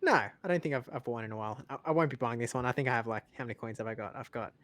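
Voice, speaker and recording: A man chatting casually on a podcast, rambling and haltingly repeating words as he thinks aloud. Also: medium pitch, fairly bright tone, no echo. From lives in Australia. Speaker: podcast panelist.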